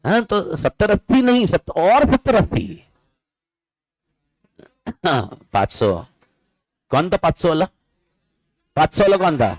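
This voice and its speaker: A male teacher lectures a class in a bantering way, putting questions to the students all the time. His pitch swings widely and a little high. The sound is dry and close. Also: big pitch swings, slow, long pauses, dry recording, poor audio.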